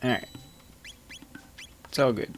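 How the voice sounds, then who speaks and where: A man's voice: takes it slowly, a little hiss or hum. A man giving casual, rambling live commentary as he plays a video game, thinking aloud.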